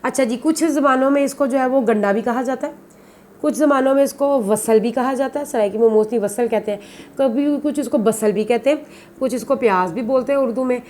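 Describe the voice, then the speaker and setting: A woman with a high, slightly fast, somewhat mellow voice gives a biology lecture in class, patiently going over each point again and again. She often calls her students "beta," and there is a little background noise.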